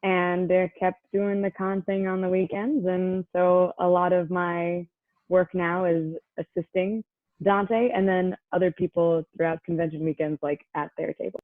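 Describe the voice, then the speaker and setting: A woman's voice: on the low side, little pitch movement, measured pace, no echo. A young woman telling a personal story in a chatty way, full of "like" fillers and acted-out quotes. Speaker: guest. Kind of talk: casual storytelling. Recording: tinny phone-like line, dry.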